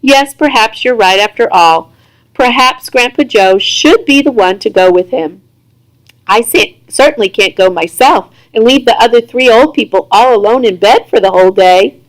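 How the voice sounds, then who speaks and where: A woman reading aloud voices a sensible mother who keeps the family calm. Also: on the high side, normal speed, lightly acted, low-quality recording. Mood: relieved. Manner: soothing, level-headed.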